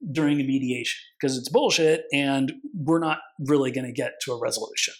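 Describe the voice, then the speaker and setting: A middle-aged man, an attorney, telling a story in a casual conversation, animated and profane, full of filler words and acting out the dialogue. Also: medium pitch, a little fast. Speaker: consumer protection attorney, guest.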